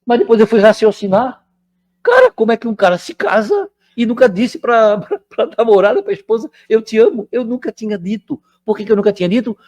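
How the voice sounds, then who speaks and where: High-voiced older man giving a chatty talk. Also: animated, a little fast, a little mellow. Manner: chatty, keeps checking in with the audience. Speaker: spiritist lecturer. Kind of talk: conversational spiritual lecture.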